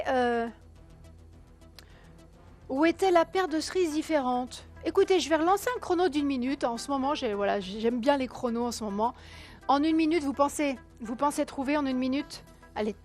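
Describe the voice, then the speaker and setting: A woman hosts a live call-in television quiz in a high-pitched voice that is hoarse tonight. She chats away and coaxes viewers to phone in, counting down the seconds and correcting her own wording as she goes. Faint music plays underneath. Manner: chatty, coaxing viewers, counting down, correcting herself aloud. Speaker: game show host.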